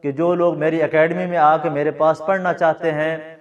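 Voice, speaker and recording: A man's voice: on the high side, level tone. A man from Pakistan teaching a Korean lesson at a classroom board, explaining patiently and often asking if his students follow. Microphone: camera mic from a distance. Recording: distant, dull camera audio.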